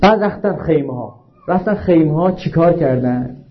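A man preaches a religious sermon in a high voice, asking the audience one rhetorical question after another. He slows down to stress the lines he quotes. The recording sounds dull and lo-fi. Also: expressive, a little hiss or hum. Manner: slows down to recite and stress quotations.

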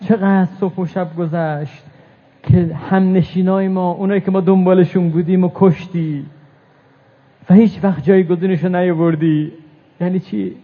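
A man preaching a religious mourning sermon, reciting Arabic verses and moving between hushed telling and rising lament. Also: high voice, fairly even intonation. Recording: tinny phone-like recording.

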